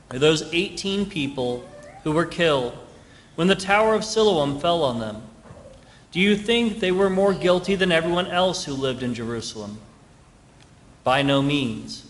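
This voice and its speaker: A man's voice: on the high side, fairly bright tone. A man serving as priest, reading the Gospel and preaching a homily in an earnest, emphatic way, his voice carried by a cathedral echo in a large church. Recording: long reverb of a large church.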